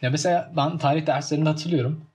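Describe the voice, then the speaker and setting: A quick-talking young man with a slightly raised pitch, chatting casually. He tells stories with gusto and acts out scenes by mimicking the sounds in them. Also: steady tone, darkish tone. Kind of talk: casual chat.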